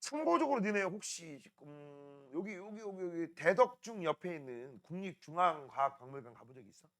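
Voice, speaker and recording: A man's voice: fairly high pitch, lively intonation, normal speed. A middle-aged male science teacher, lecturing a class, teasing and scolding students while drilling mnemonics.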